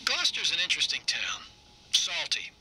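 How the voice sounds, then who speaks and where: A man's voice: high-pitched, huge pitch swings, vocal fry, very noisy, full character voice. An actor playing a wry, observant man musing in a scripted video game audio log. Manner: wry, musing, measured wording.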